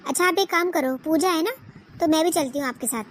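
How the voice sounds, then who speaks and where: A woman's voice: sits high, quick pace, close to an everyday voice. A woman playing a suspicious young village wife in a comic sketch, questioning her husband. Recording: loud background noise.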